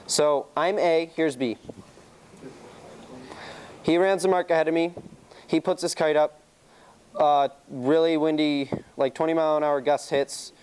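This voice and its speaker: A man's voice: on the high side, steady tone, a little slow, long pauses, darkish tone, clean tone. A young man giving a casual classroom chalk-talk on sailing rules, telling stories from his own races and laughing easily. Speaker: sailing team presenter.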